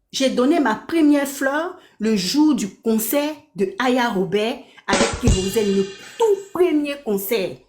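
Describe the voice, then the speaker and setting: A woman with a somewhat high voice delivers an indignant rant on a live stream from her apartment. She repeats herself for emphasis and presses her listener for agreement. The room gives her voice a clear echo. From Belgium. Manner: indignant, repeats her points, asks "d'accord?".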